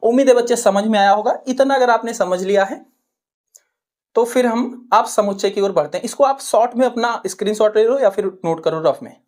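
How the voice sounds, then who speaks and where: A woman's voice: a little high, fairly quick, a little mellow. A woman with a Hindi accent from Uttar Pradesh teaching maths. She asks questions, answers them herself and keeps checking with "ठीक है". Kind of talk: classroom-style explanation to students.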